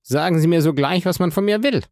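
A man voicing a haughty, indignant rich gentleman in an audiobook, with imperious, exasperated outbursts. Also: a little high, fairly quick, dry recording, clean studio sound, voice pushed up, lightly acted. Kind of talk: audiobook character voice.

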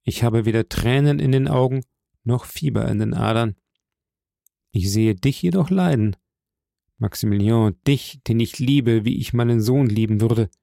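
A man voicing a solemn, fatherly nobleman who speaks slowly and gravely. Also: medium pitch, mellow, no echo, clean studio sound, lightly acted. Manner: slow, grave and measured.

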